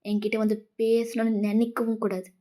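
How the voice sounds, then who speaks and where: A woman's voice: on the high side, level tone, normal speed, warm tone, lightly acted. A woman voicing a heartbroken young woman who pleads and accuses through tears, in a fan fiction voice-over. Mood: bitter.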